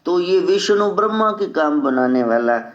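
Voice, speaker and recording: A man's voice: high voice, expressive, lo-fi sound. A man giving an earnest devotional sermon as a spiritual teacher, breaking into sung mantras. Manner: slow, earnest preaching mixed with sung mantras.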